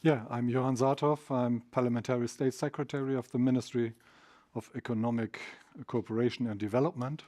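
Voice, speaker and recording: A man with a German accent, a native German speaker, introducing himself on a panel with many hesitant pauses. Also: mid-range voice, fairly even intonation, dark tone. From northwest Germany. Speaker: government state secretary.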